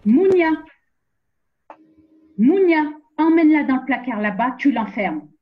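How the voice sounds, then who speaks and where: A woman's voice: sits high, expressive, a little slow, highs cut off. A woman playing a fierce, protective mother who gives orders and scolds a man in an amateur theatre web series. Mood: urgent. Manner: commanding, scolding, defiant.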